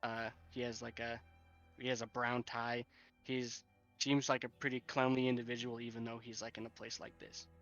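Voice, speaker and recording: Casual man player, halting and rambling, dull lo-fi recording. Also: mid-range voice, flat delivery, fairly bright tone, faint music behind. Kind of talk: describing his tabletop character. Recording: dull lo-fi mic.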